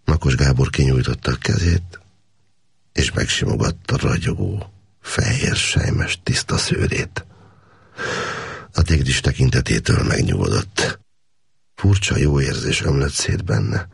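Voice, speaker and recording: A man narrating an audiobook in a steady, expressive reading voice. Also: rumbling low, creaky, slightly rough, no room sound, clean studio sound.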